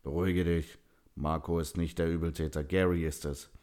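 A man's voice: sits low, fairly even intonation, normal speed, a little mellow, natural voice. A man voicing a tough, determined male hero in a storybook reading, grim and urgent.

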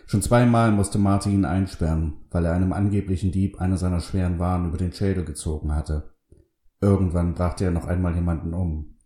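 Deep, very dark-voiced male storyteller. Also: fairly even intonation, fairly quick, reverberant. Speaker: host and reader. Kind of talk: reading a short story aloud.

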